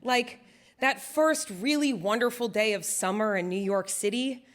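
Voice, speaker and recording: Woman telling a story live, chatty and self-deprecating, kinda high voice. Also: a little slow. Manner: animated, self-deprecating, conversational. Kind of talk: live first-person storytelling.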